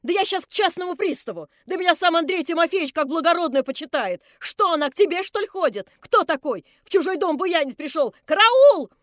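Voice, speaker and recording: Brief: shrill, abusive old landlady in a storybook reading, put on by a woman reader; loud, scolding, self-pitying. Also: animated, fairly quick, no echo, clean studio sound. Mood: shrieking outrage. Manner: ranting, scolding, wailing self-pity. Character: drunk, vicious older landlady, shrieking fury. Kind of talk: audiobook reading.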